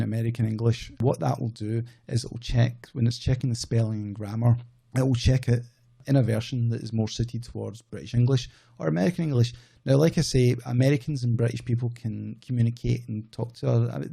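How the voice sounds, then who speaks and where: Here a Scottish-accented man fronts his own outsourcing business channel, addressing the camera conversationally while rambling and fixing his own wording. The voice is mid-range and steady but fast, husky and gravelly, with a dark tone.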